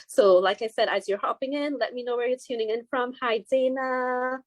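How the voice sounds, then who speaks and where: A woman in her thirties from Trinidad and Tobago, the founder of a skincare line, talking casually and warmly to a live audience with frequent restarts. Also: fairly high pitch, fairly even intonation, moderate pace, dry recording. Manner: friendly, chatty, with frequent restarts. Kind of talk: casual live-stream talk. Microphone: laptop.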